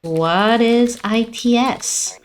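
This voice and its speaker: Her fairly high voice stretches words out, with slight background noise present. A gaming streamer, she gives playful, mock-dramatic let's play commentary while playing, arguing with a character shown on screen.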